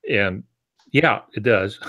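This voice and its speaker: Audio quality is poor on this video call, where a sixty-something American man teaches informally with asides from his home office, using wired earbuds. His voice sits on the low side and sounds pushed and bright, animated but slow. He writes, teaches writing, and co-hosts a podcast.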